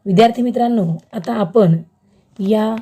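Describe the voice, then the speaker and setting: A woman teacher giving a school lesson on letter sounds, slow, careful and word by word. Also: a little high, dark tone.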